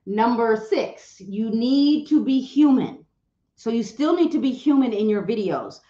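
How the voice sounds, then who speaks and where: Woman broker giving a lively, no-nonsense pep talk, mid pitch, echoey and slightly dull recording. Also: a little slow. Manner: animated, direct, teasing, acts out quoted voices. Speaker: real estate broker giving social media advice. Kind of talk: motivational talk to an audience. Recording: roomy, slightly dull sound.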